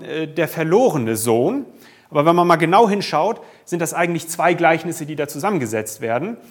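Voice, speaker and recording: Pitched fairly high, a man speaking as pastor delivers a sermon straight to the congregation. Rhetorical questions pepper his talk, along with an occasional hesitant "uh."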